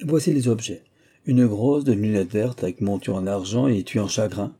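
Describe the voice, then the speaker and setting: A man voicing a naive young man who earnestly defends a bad bargain, in a raised, husky voice. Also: lowish voice, moderate pace, warm tone.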